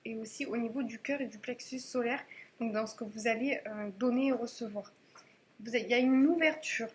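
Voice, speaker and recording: Woman, tarot reader, chatty and halting, slightly high voice, faint background hiss. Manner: chatty, hesitant, many fillers and restarts. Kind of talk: casual monthly tarot reading to camera.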